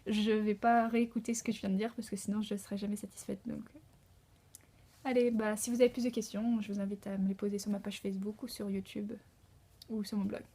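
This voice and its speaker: Young French woman, flat mellow voice. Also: mid-range voice, a little fast, breathy edge. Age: young adult. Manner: chatty, hesitant, with frequent fillers. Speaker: au pair vlogger. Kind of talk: casual vlog chat to camera.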